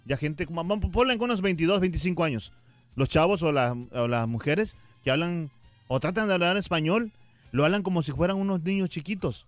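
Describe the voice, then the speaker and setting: A man's voice: fairly high pitch, animated, a little fast, no echo, faint music behind. A man co-hosting a radio show, chatty and casual, often chiming in with agreement. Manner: chatty, with frequent agreeing interjections. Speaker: radio co-host. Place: radio studio.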